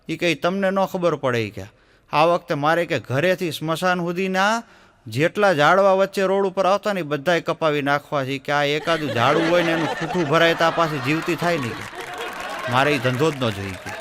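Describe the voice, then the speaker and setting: A male stand-up comedian with a Gujarati accent tells one joke after another. He narrates in a folksy way and slips into quick voices for the people in each story. His voice sits a little high for a man. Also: a bit bright. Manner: folksy storytelling, acting out voices in quoted dialogue.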